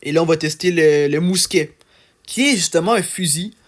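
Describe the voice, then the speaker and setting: A man's voice: a little high, normal speed. A young man with an accent giving casual, chatty gameplay commentary, full of fillers and checking in with "d'accord?". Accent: non-standard French accent. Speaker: gaming YouTuber.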